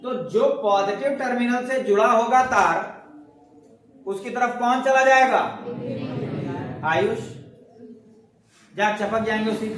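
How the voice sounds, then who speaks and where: A male chemistry teacher lecturing a classroom with lively energy, joking with students and asking whether they follow. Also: extremely high pitch. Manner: energetic, jokey, asks the class checking questions. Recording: echoey classroom from far off with student chatter.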